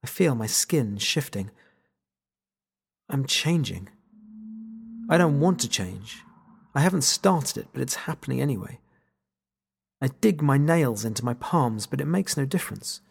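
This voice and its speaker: A man narrates a novel in the first person with a wry, sardonic edge. His voice is mid-pitched and gravelly, with a husky grain that stays under every line. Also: animated, unhurried, long pauses. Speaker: audiobook narrator.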